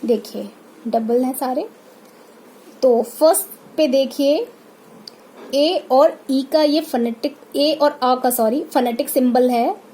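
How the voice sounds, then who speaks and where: A woman teacher giving a classroom pronunciation lesson, saying example words one at a time and repeating them deliberately. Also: high-pitched, mellow.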